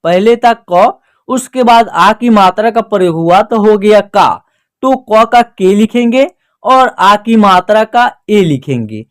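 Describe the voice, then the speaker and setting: A teacher giving a spoken lesson, explaining slowly and patiently, asking questions aloud and answering them right away. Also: medium pitch. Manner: slow, patient and repetitive explaining.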